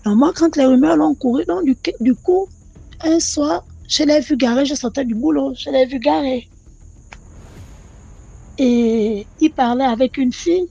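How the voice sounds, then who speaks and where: A woman telling her own mystical experience in an animated, repetitive way, speaking directly to the channel. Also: high voice, a little slow, gravelly, no echo, muffled recording. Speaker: caller sharing a personal story. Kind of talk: personal testimony storytelling.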